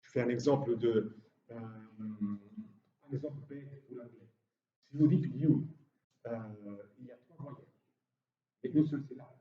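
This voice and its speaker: A man of medium pitch delivers a university lecture at an unhurried pace in an echoing hall. He explains things with hesitations, and the recording sounds roomy, distant and dull.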